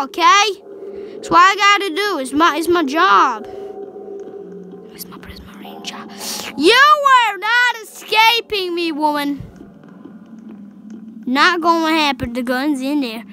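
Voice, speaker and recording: A woman giving excitable let's play commentary over a game, yelping at scares and dropping into hushed whispers. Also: extremely high pitch, noisy background. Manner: excitable, swings between yelps and hushed whispers. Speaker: gameplay commentator. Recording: game music playing clearly behind the voice.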